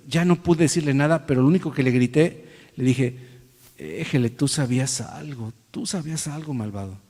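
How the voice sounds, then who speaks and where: A man's voice: fairly high pitch, darkish tone. A man with a Mexican accent preaching, telling a personal story and acting out the voices of others. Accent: Mexican Spanish. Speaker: pastor. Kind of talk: sermon testimony. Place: church hall. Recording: reverberant church hall.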